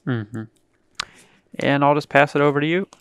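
A man's voice: a little high, moderate pace, clear, resonant tone, dry recording. A man playing against the host in a card game, answering in dry, brief remarks. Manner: dry, terse replies. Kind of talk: casual talk during a card game.

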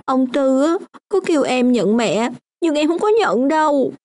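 A young orphan girl in a radio play, her voice pitched high. She speaks with stubborn, hurt insistence. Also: lively intonation, unhurried, a little mellow. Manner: sulky, tearful insistence. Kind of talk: radio drama acting.

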